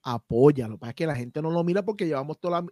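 A Puerto Rican man hosts a casual podcast conversation in a Puerto Rican Spanish accent, talking passionately and emphatically and swearing freely. His voice is fairly high-pitched, dark-toned and expressive, delivered rapid-fire. The studio-quality recording has no echo.

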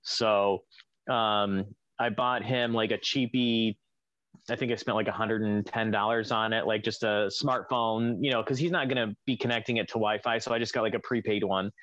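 A man's voice: on the low side, steady tone, normal speed, fairly bright tone, no echo. Rambling man on a dull, dry recording. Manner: rambling, with many fillers and restarts. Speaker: divorced father telling a story. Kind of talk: casual spoken account of a co-parenting conflict.

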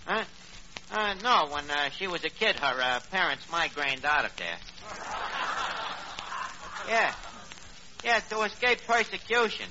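In a 1940s radio comedy, an actor plays a cocky, blustering tavern manager with a New York accent who mangles big words with pompous confidence. His male voice is a little high, swinging widely in pitch at a measured pace with long pauses, and the mood is breezy and boastful. The old radio recording sounds dull and noisy.

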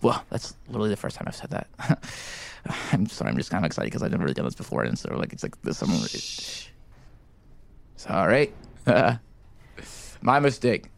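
A man portrays an awkward, eager teenage boy running a school podcast in a scripted comedy, speaking in whispers into a handheld mic in a library. He takes it slowly in a medium-pitched voice with vocal fry, rambling through fillers with hushed excitement.

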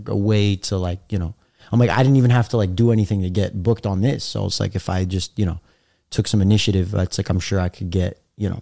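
A man's voice: lowish voice, creaky, dark tone. A young man chatting casually as a podcast guest, with slangy, laid-back frat bro talk full of "dude" and "like". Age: young adult. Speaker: guest stand-up comedian on a podcast.

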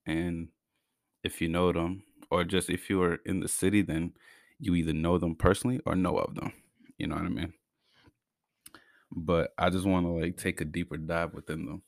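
A young podcast host from Brockton, Massachusetts speaks in a low, gravelly, flat voice at normal speed, leaving long pauses. The studio-quality recording is dry. He talks solo in a laid-back, slangy way and stutters now and then.

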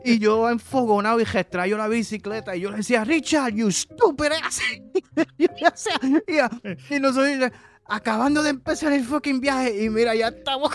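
A man with a Puerto Rican accent, co-hosting a podcast and telling a casual anecdote in a lively, laughing way. He uses a lot of slang and drops English words into his Spanish. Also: very high-pitched, normal speed. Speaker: podcast co-host.

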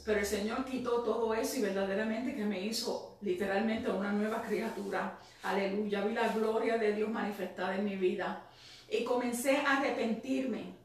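A woman giving a spoken religious testimony, fervently breaking into praise and often adding "right?". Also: a little high. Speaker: church member giving testimony. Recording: very echoey, distant mic, faint noise.

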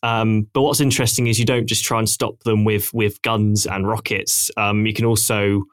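Young male podcast host, low-ish voice, hesitant casual delivery, dry mic. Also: little pitch movement, moderate pace, dry recording. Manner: laid-back, hesitant, many ums.

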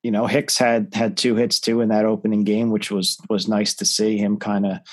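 A man co-hosting a sports podcast, talking in an animated, exasperated way as his voice jumps up when he gets worked up. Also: lowish voice, normal speed. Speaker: podcast co-host. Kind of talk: casual sports podcast chat.

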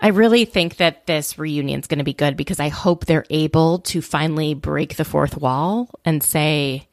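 A woman's voice: sits low, normal speed, dry recording, studio quality. A woman co-hosting a podcast, recapping a reality show in casual, blunt, indignant chat. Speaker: podcast co-host.

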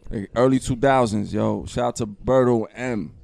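A man hosting a podcast, casual and energetic, hyping up his guest with lots of "yo". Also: medium pitch, a little slow, creaky. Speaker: podcast host. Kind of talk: casual hype podcast chat.

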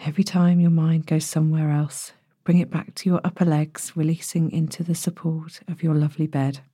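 A woman speaks as a sleep story narrator, leading a bedtime relaxation. Her voice is lowish and very mellow, with a soft, breathy edge that slips toward a whisper. She gives each instruction gently and without hurry. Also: level tone, no room sound. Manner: gentle, soothing, unhurried instructions. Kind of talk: guided bedtime body-scan meditation, sleep story narrator delivery.

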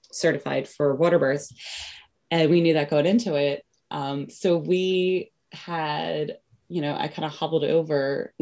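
A woman's voice: low voice, darkish tone. A woman casually telling a personal story as an interview guest, full of "like" and "you know" and quoting what she said back then. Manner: acts out her own past remarks in quotes.

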